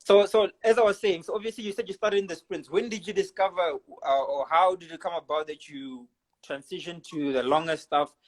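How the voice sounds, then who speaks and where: A man hosting a casual live video chat, relaxed and chatty, laughing often. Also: sits high, brisk, low-quality recording. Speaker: host. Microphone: video call.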